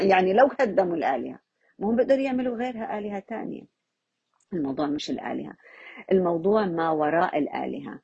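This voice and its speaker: A woman's voice: lowish voice, expressive, fast, vocal fry, a little mellow, husky, no echo, muffled recording. A woman gives an informal Quran reflection lesson, talking conversationally and asking her listeners rhetorical questions. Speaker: religious teacher.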